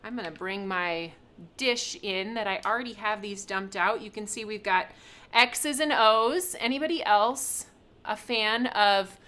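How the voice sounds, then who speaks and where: Bright, chatty woman hosting a craft reveal. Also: mid-range voice, measured pace. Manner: chatty, upbeat, laughs often. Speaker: craft shop host. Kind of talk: live product reveal and craft demo.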